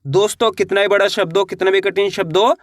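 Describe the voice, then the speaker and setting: A man teaching Hindi reading online, sounding out words slowly syllable by syllable and repeating each rule. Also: high-pitched, steady tone, no echo, clean studio sound. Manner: slow syllable-by-syllable drilling, repeats rules.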